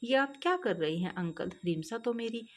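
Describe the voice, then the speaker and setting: A woman doing a calm, kind young man. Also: fairly high pitch, moderate pace, voice pushed up, lightly acted. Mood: gentle. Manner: gentle, patient advising tone.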